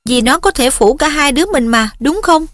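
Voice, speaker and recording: A woman reads a jealous teenage boy who needles his best friend with sarcasm, in a higher voice that rises sharply at the digs. The storybook sound is close and dry. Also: lively intonation, moderate pace, a bit bright, no room sound. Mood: sarcastic.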